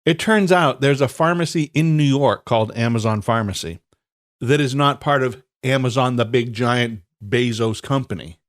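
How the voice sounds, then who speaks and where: Medium in pitch and moderate in pace, a congested male podcast co-host chats through casual banter. He's profane and rambling, with stammered restarts and bursts of laughter.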